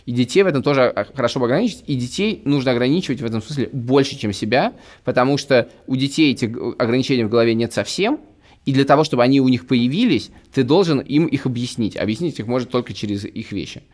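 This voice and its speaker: Fast-talking and lively in intonation, this medium-pitched man in his thirties co-hosts a podcast full of casual opinions. He's emphatic, restating and rewording his points again and again.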